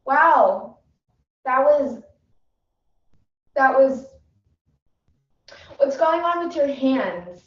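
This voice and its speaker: Brief: impatient casting director, played by a woman, deliberate and dry, dull distant sound. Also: high-pitched, expressive, full character voice. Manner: clipped, dry, quick instructions. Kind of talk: competitive humorous interpretation. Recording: echoey room, distant mic, dull sound.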